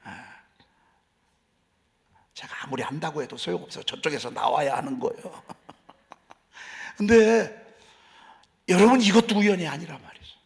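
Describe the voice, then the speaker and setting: A middle-aged male pastor preaching a conversational dawn sermon in a church, asking the congregation questions and dropping from loud emphasis to near whisper. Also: on the high side, moderate pace, creaky, pauses often. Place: church sanctuary.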